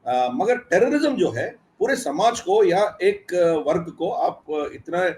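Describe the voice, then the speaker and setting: A man's voice: high voice, very animated, slow pace, a little mellow. A man speaking as an interview guest, explaining at length with frequent hesitations and filler sounds. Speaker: guest commentator. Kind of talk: interview answer.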